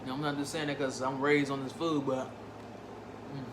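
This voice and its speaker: In a casual food review vlog, a man eats while he talks, savoring each bite with frequent appreciative "mm" sounds. His mid-range voice stays level at a moderate pace. The home recording is roomy, echoey, and clearly noisy.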